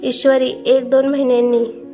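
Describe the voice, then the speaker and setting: A woman's voice: high voice, flat delivery, normal speed, dark tone, lo-fi sound. A woman telling a family story as scripted narration, reading steadily. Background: faint background music.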